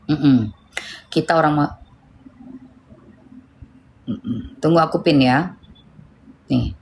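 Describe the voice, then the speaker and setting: A middle-aged woman with a lilt, hosting a livestream and reading viewer comments, shifting between heated scolding and soft chat. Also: sits low, lively intonation, extremely slow, vocal fry, pauses often, a little hiss or hum. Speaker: livestream host.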